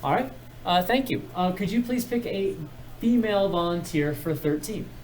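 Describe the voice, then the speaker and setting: A man's voice: sits high, lively intonation, moderate pace, darkish tone, a little hiss or hum, poor audio. A man teaching algebra in a classroom, patiently guiding students step by step and praising their work. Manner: patient, encouraging, guides step by step. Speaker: math teacher. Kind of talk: classroom instruction.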